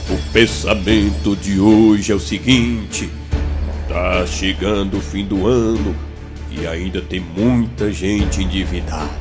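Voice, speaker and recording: A man voicing a slow, drawling, mock-solemn character who gives the thought of the day. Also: sits low, steady tone, over music.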